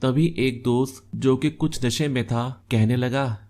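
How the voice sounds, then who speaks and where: A man reading a first-person story aloud in a measured, steady storytelling manner. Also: medium pitch. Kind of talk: scripted first-person narration.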